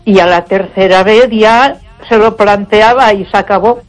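An older woman from Barcelona phones in to a radio show for a casual chat, her mid-range voice at a moderate pace with no echo. She is emphatic, repeats herself, and keeps exclaiming "ay."

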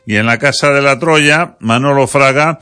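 Radio host man with a bright voice. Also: mid-range voice, normal speed, clean tone. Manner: relaxed, with fillers. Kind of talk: radio show introduction.

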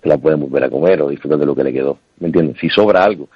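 A Cuban man in his thirties, a restaurant owner and singer, talking relaxed and chatty in a radio interview, with many restarts. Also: very deep voice, racing, crowd noise. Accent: Cuban Spanish. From Cuba. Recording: dull, lo-fi phone line.

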